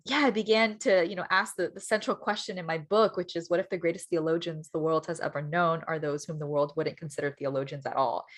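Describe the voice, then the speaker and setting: A young woman from Miami, an author talking reflectively over a video call, with many fillers and restarts. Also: on the low side. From Miami, Florida (Cuban American). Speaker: author and guest. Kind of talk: casual conversational interview.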